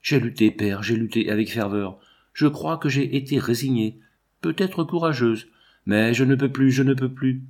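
A man's voice: medium pitch, moderate pace, darkish tone, lightly acted. A man voicing a frightened, pleading young mother.

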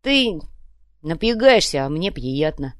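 A woman voicing a calm, lisping male savage who talks slowly and flatly. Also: low voice, dry recording, studio quality, heavily acted. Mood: gruff. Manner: slow, flat delivery with a lisp. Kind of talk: audiobook reading.

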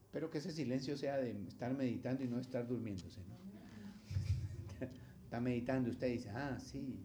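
A man's voice: medium pitch, moderate pace, slight background noise. A man preaching a sermon as pastor, speaking, asking his congregation questions and acting out the voices of the people in his examples. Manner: animated preaching, acts out quoted voices, asks the congregation questions.

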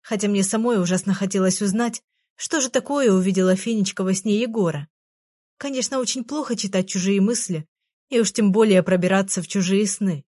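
A woman reading a first-person children's story aloud, gentle and expressive. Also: mid-range voice, fairly quick, no room sound, studio quality. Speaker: audiobook reader.

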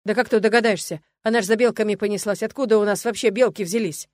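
A woman's voice: mid-range voice, fairly even intonation, fast, no echo, close to an everyday voice. A woman voicing a male stable groom in an audiobook, apologetic and plaintive. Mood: defensive. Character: anxious, loud male stable groom, servant. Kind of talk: audiobook character voice.

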